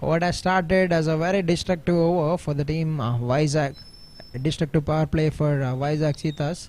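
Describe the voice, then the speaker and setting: A man with an Indian accent giving analytical cricket commentary, switching between English and Telugu with hesitant pauses. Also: a little high, flat delivery, a little mellow.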